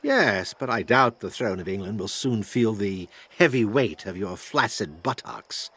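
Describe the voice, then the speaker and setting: A man's voice: fairly low pitch, animated, unhurried, a bit bright, husky, exaggerated voice. An actor playing an ancient, mocking spirit in a fantasy game, pompous and sarcastic in his condescension. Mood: gloating, scornful. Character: ancient mocking male spirit bound to a bloodline. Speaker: tutorial guide. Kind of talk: theatrical fantasy game voice acting.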